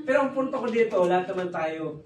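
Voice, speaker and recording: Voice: medium pitch, lively intonation, fast talker, a little mellow, far from the mic. A business presenter giving a jokey seminar talk, who keeps quizzing a live audience in an office hall. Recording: roomy hall, recorded from afar with audience noise.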